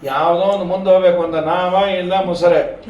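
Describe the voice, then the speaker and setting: A man's voice: high voice, steady tone, moderate pace, a little mellow, highs cut off. A man giving a humorous devotional discourse and telling stories. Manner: humorous, chatty, sings verses. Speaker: religious discourse speaker. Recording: echoey hall, distant mic, faint noise.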